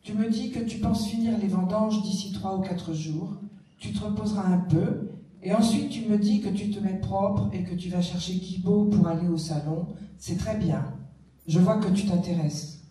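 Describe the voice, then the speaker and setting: A reader giving a steady public reading of old letters. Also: medium pitch, moderate pace. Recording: echoey room, voice from far off.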